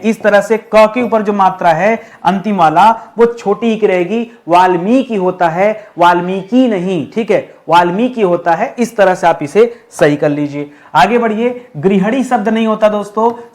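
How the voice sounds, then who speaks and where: A man teaching Hindi spelling in an online exam-prep lesson, often asking the class rhetorical questions and saying words slowly to spell them out. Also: sits high, darkish tone. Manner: repetitive quizzing with rhetorical questions, addresses viewers as friends.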